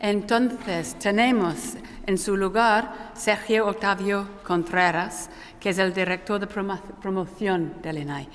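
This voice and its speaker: Woman, conference moderator, casual halting delivery, heavy cathedral-like echo, long reverberant hall. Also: mid-range voice. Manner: informal, halting, often restarting words. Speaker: panel moderator.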